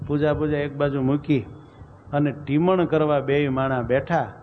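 A man's voice: on the high side, fairly even intonation, unhurried, narrow, tinny audio, slight background noise. Man telling a devotional tale. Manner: vivid, dramatic narration. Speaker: religious storyteller. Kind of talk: devotional storytelling.

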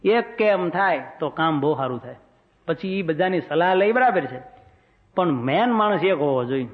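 A man giving a devotional discourse, who chants verses slowly and then explains them in plain speech. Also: fairly high pitch, expressive. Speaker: religious storyteller. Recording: dull lo-fi recording.

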